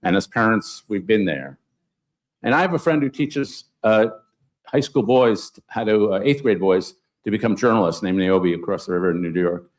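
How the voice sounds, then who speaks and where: A man speaking on a conference panel, telling anecdotes with sudden upward jumps in pitch for emphasis. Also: normal speed. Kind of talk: panel discussion storytelling.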